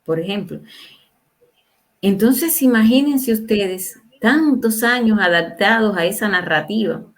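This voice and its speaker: A woman's voice: mid-range voice, animated, measured pace. A woman in her sixties, a guest on a livestream interview, talking in a casual, opinionated way and asking her listeners rhetorical questions. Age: 60s. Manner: emphatic, asks the audience rhetorical questions.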